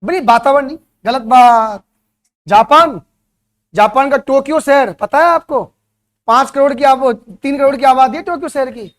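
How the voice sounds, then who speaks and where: A man's voice: very high voice, moderate pace, a bit bright. A man teaching at a coaching center, giving a motivational classroom talk and throwing rhetorical questions at his students.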